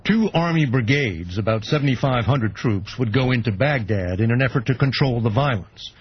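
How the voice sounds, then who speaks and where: A male news correspondent reading a measured, factual report, heard over AM radio. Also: mid-range voice, animated, breathy edge. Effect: AM radio broadcast sound. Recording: lo-fi AM radio broadcast.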